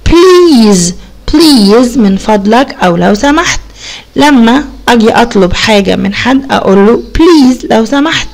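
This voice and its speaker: Gravelly-voiced Egyptian teacher woman. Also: fairly high pitch. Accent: Egyptian Arabic. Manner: slow drawn-out English model words, lively teacherly questions. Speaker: English teacher. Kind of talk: children's English lesson.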